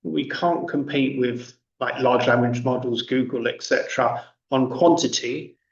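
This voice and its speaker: A man presenting academic research at an online conference, halting, with long pauses. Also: medium pitch, vocal fry. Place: indoors, online video conference call. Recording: roomy, distant, dull online call audio.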